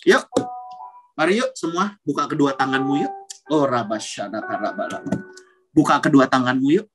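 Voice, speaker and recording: A man's voice: mid-range voice, a little fast, over music, low-quality recording. A man, a youth pastor preaching casually with slang and praying aloud in tongues while calling out names. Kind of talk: youth sermon and prayer in tongues.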